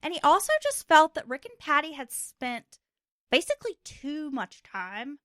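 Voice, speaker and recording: A woman's voice: sits high, very animated, moderate pace, a bit bright, no echo, clean studio sound. A woman co-hosting a casual true crime podcast, talking in a brassy, joking way. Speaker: podcast co-host.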